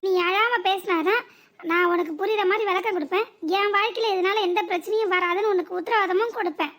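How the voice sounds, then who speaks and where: A woman voicing a calm young married daughter in a cartoon serial, who lectures patiently with long strings of rhetorical questions. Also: very high-pitched, quick pace. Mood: lecturing, teasing.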